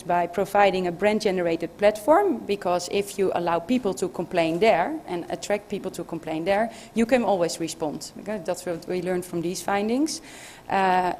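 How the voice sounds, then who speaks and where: A woman's voice: medium pitch, a little mellow, a little hiss or hum. A woman giving an academic conference presentation, hesitant, with many filler sounds and restarts. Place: conference room.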